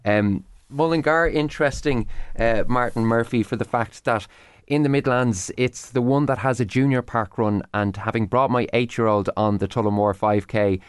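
A man's voice: mid-range voice, normal speed, hardly any pauses, smooth, no room sound. A man with an Irish accent hosting an interview show, unscripted, with wordy, hesitant, meandering phrasing. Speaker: radio show host.

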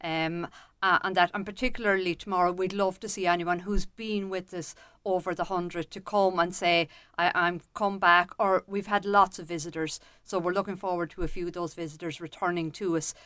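A woman's voice: fairly low pitch, fairly even intonation, brisk, fairly bright tone, clear, resonant tone, no echo. A woman with an Irish accent giving chatty, unscripted answers in an interview as a local event representative. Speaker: parkrun representative being interviewed.

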